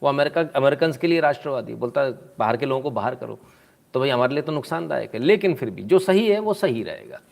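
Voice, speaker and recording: A man doing casual political commentary in a sarcastic, mocking tone. He often clears his throat and asks "hmm?" between points. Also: mid-range voice, lively intonation, fast, darkish tone.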